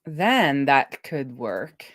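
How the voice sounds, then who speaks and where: Hosting a live coding stream, a woman with a low, fairly bright voice casually thinks aloud while she codes, her pitch swinging widely. She's halting, letting thoughts trail off and restarting or correcting her sentences as she reasons things through. The recording is dry, with no room sound.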